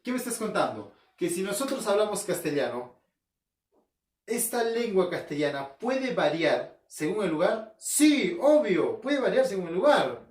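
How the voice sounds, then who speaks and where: A Peruvian school language teacher with an Arequipa accent speaks high and sing-song, with wide pitch swings and an unhurried pace, in a recorded home-learning class. He poses questions to himself and answers them, hammers home key terms, and checks in with "¿ya?". The recording is roomy and echoey, his voice well off the mic.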